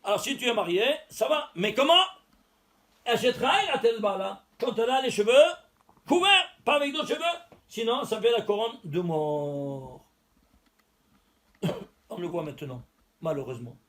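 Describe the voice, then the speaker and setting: A man's voice: high-pitched, expressive, moderate pace, long pauses, fairly bright tone. A man giving a religious text lesson, explaining step by step, counting letters aloud and asking and answering his own questions. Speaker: teacher.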